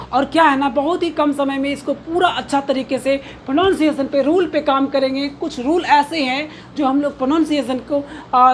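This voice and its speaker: A woman English teacher leads a pronunciation lesson in a high voice, explaining words and drilling each aloud many times. She asks her own questions and answers them, with a little hiss or hum present.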